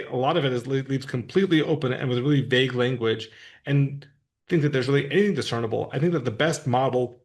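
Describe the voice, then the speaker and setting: A man co-hosting a podcast, explaining politics in a casual, thoughtful, plain-spoken way. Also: medium pitch. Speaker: podcast co-host. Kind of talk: casual discussion.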